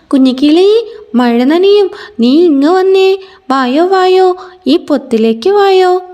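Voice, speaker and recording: A woman voicing a caring female parrot who calls out loudly and urgently. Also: very high-pitched, expressive, slow pace, soft background music, voice pushed up, heavily acted. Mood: calling.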